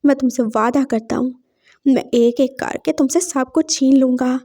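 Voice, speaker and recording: A woman's voice: high-pitched, fairly even intonation, normal speed, dark tone. A woman reading out a vengeful young man. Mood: bitter vengeful. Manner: bitter, threatening inner monologue. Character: young man, vengeful, sweet to his face.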